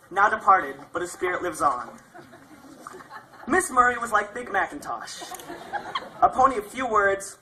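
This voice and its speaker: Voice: medium pitch, noisy background. A young adult speaker delivering a prepared graduation speech as a graduating student.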